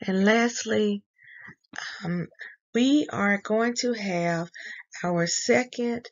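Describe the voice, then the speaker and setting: Female school announcer, unhurried and deliberate, reading morning notices from a script on a slightly dull recording. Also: mid-range voice.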